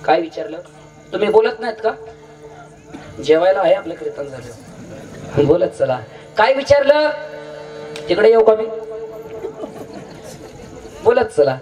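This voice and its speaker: A man's voice: sits high, animated, a little slow, long pauses, mellow, dull audio. A man preaching a kirtan, telling a story in a swooping sing-song voice and repeating lines back to the crowd. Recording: distant mic with faint music.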